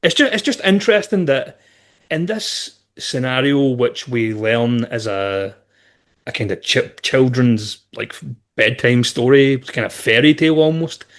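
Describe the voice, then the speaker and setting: A man co-hosting a podcast, talking in a quick, thoughtful, casual way. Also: medium pitch, expressive. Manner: quick, thoughtful, says "aye". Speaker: podcast co-host. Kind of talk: casual chat.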